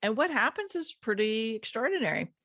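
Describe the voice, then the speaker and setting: A woman's voice: fairly high pitch, very animated, fairly quick, bright, forceful tone, no room sound, studio quality. A woman business coach talking as an interview guest, conversational and loose, with many "like" fillers. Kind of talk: casual interview chat.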